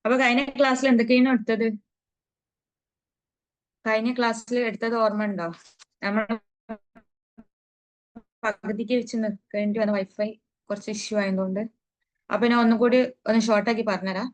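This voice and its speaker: A woman teaching an online grammar lesson over a video call, asking her students questions and then answering them herself, and reading vocabulary out slowly. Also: fairly high pitch, steady tone. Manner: recites Arabic words slowly. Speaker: Arabic teacher. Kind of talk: online class explaining grammar.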